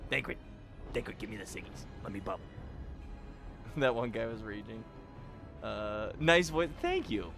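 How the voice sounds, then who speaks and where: A man's voice: on the low side, big pitch swings, measured pace, pauses often, music in the background. A man hosting a casual gaming livestream, laughing often and talking to his chat. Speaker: streamer host.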